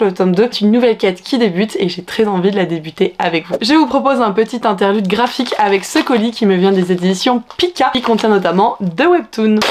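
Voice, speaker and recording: A woman's voice: mid-range voice, a little mellow. A young woman who hosts a book unboxing vlog and talks in a casual, enthusiastic, exclamatory way. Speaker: book vlogger.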